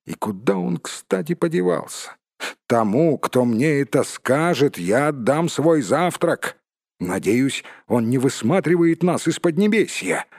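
A man voicing a small fussy male hobbit who grumbles about missed meals, with a husky voice. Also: sing-song, measured pace, a little mellow. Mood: sulky. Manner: high complaining exclamations.

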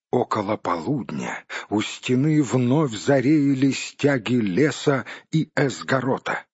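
Male audiobook narrator, measured, husky, dry dull recording. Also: mid-range voice, no room sound. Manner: measured storytelling.

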